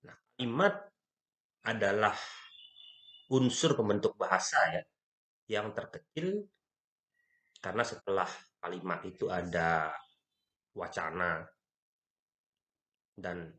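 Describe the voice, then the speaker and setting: A man lecturing on grammar, speaking slowly and stressing key terms, with frequent fillers as he explains. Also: sits low, a bit bright. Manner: slow, stressing key words, frequent "ya" and "nah".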